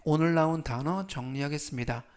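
A man teaching English vocabulary in a slow, deliberate lesson. He has a Korean accent and reads each word three times with clear enunciation. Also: a little high.

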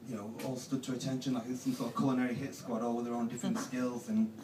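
A young man doing stand-up in a halting, deadpan way full of ums. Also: mid-range voice. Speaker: stand-up comedian. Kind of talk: stand-up comedy set. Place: comedy club stage. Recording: roomy live club, distant mic, noisy.

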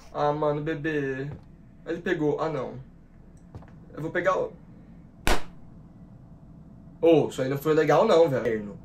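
A gaming YouTuber, a nineteen-year-old man with a Brazilian Portuguese accent, talks directly to viewers over game music in a fairly high-pitched voice against a noisy background. His slangy horror gameplay commentary is jumpy and panicky, full of shrieks and rapid-fire repeated words.

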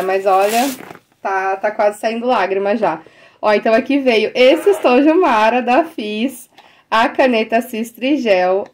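A young adult woman with a Brazilian Portuguese accent, a teacher chatting excitedly to the camera as she unboxes stationery and breaks into delighted exclamations. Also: a little high, a little hiss or hum. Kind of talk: casual unboxing chat to the camera.

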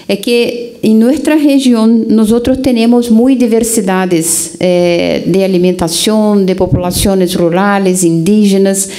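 A middle-aged Brazilian woman, a native Portuguese speaker, giving formal conference remarks in halting Spanish mixed with Portuguese. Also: medium pitch, dark tone. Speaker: conference delegate. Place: large conference hall. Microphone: gooseneck table microphone.

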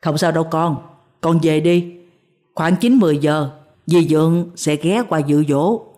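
Woman voicing stubborn older husband, dismissive, brisk and scolding, low warm voice, storybook narration. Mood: kindly.

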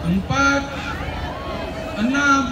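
A man's voice: extremely high pitch, drawn-out words. A man as a stage guest, reading out raffle numbers digit by digit. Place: outdoor festival stage at night. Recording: distant echoey PA, loud crowd noise.

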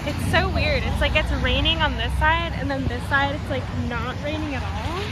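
A woman's voice: sits high, normal speed, over a noisy crowd, heavy background noise. A young woman in her twenties vlogging casually outdoors in a rainy park, gushing and giggly, filming at arm's length. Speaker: travel vlogger. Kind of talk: casual travel vlog. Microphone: handheld phone or camera at arm's length.

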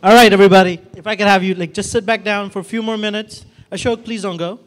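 A man's voice: high-pitched, steady tone, quick pace. A man in his thirties hosting a college event on a handheld microphone in a large hall, speaking off the cuff with many restarts and fillers. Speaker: event host. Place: large hall with red walls and a projection screen.

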